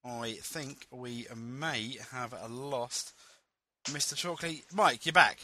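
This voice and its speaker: A man's voice: mid-range voice, slow pace, bright, forceful tone. A man hosting a podcast, chatting eagerly and laughing easily, often stumbling over how his sentences start. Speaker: podcast host. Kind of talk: casual chat.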